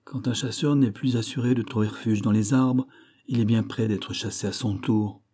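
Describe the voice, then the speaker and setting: A man's voice: on the low side, fairly even intonation, moderate pace, dark tone, husky. A man reading an audiobook, voicing a pompous, lecturing middle-aged animal dealer who declaims in grand, wordy phrases. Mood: grandiloquent. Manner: grandiloquent, declamatory, fond of rare words.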